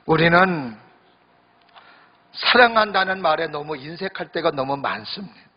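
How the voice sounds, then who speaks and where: Preaching in church during worship, a male pastor jokes and speaks directly to the congregation in a conversational way. His voice is a little high, animated and slightly rough at normal speed, and the audio is echoey and dull lo-fi.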